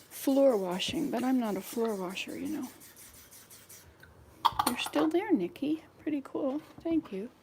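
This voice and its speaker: A woman's voice: on the high side, a little mellow, a little hiss or hum. A woman in her sixties chatting casually to viewers while she cleans her house, rambling from one chore to the next. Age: 60s. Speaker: vlogger. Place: home indoors.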